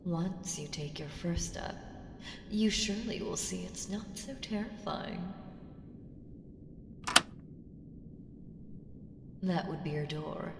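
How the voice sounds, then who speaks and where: In an ASMR audio roleplay, a woman with a lowish voice plays an ancient evil entity, coaxing and condescending, commanding and seductive, her deliberate delivery slipping into whispers. The mood is menacing and mocking. A roomy, long reverb carries clear background noise.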